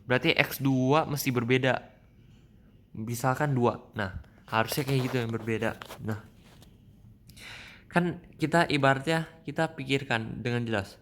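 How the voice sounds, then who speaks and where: A man's voice: medium pitch, fairly bright tone, slight background noise. A young man walking through a statistics exam problem in a casual screen-recorded tutorial, often restarting and correcting himself. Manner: halting, many restarts and fillers, informal. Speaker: student explaining a math problem.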